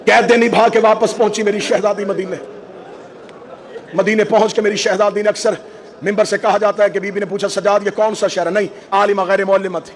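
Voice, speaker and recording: A man delivering an impassioned sermon, wailing and rising to shouts, at a large mourning gathering. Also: high-pitched, little pitch movement, a little fast. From Pakistan. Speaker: Shia cleric delivering a majlis. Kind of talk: emotional sermon recitation. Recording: noisy crowded gathering, live mic.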